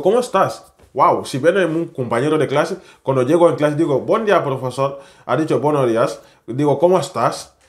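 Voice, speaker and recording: Young man, speech; animated casual vlogger. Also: mid-range voice. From West Africa. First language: French. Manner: animated, chatty, non-native Spanish with tag questions. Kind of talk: casual storytelling to camera.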